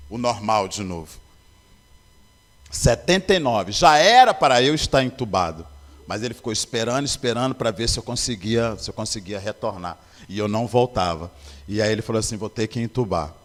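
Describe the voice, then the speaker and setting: A man's voice: medium pitch, a bit bright. A man giving a personal testimony in church, telling his story earnestly and acting out the dialogue. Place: church sanctuary. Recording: long church hall reverb.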